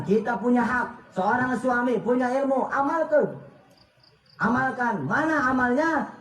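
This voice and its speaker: Jokey Sundanese-accented male preacher. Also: very high voice. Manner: jokey, chatty, addresses the audience directly. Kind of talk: comic sermon. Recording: echoey, distant, muffled live PA.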